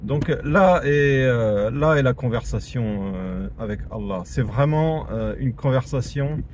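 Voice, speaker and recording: A man from France with a darkish, mid-range voice and lively intonation teaches religion informally from a car in traffic, speaking a little slowly. His conversational style includes many fillers and restarts, and he repeats important points for emphasis. Road traffic is audible.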